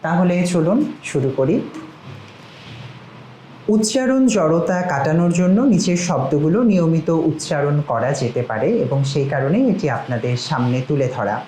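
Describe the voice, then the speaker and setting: Man as a recitation teacher, measured word-by-word drills, roomy echo, faint rain behind. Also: on the high side, animated, mellow, a little hiss or hum. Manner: slow, measured, spells out words one by one. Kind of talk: pronunciation lesson with word drills. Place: outside the studio, storm and rain outside. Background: storm and rain.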